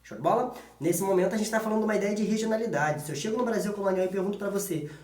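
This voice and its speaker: In an echoey room, a man with a Brazilian accent teaches an informal history exam-prep lesson, speaking colloquially and often checking in with short tag questions. His voice is high and darkish, and he races along.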